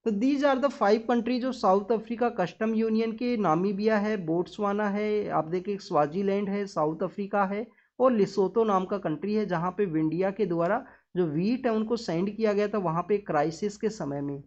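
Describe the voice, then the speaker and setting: Her voice is medium-pitched and a little mellow as this woman, an exam-prep teacher, leads a newspaper analysis lesson at a moderate pace. She explains step by step with English terms woven in, speaking straight to her students in lecture style. Audio is somewhat dull and muffled.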